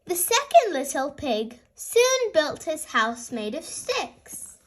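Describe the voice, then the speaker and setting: Opening like a fairy tale, a woman reads a children's storybook aloud as a host for small kids. Her very high voice moves slowly, with big, lively leaps in pitch. The delivery is animated and sing-song, pitched at young listeners.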